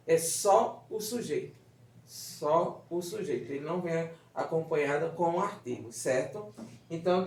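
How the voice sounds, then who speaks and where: A man's voice: on the high side, darkish tone. Brazilian man teaching, distant and echoey. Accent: Brazilian Portuguese. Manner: explanatory, checks understanding with "certo?" and "tá vendo?". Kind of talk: recorded classroom lesson. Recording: echoey room, distant mic.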